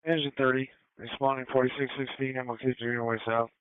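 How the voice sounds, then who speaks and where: A man's voice: medium pitch, level tone, fast, slight background noise. A man giving terse replies over a two-way radio. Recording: narrowband scanner radio.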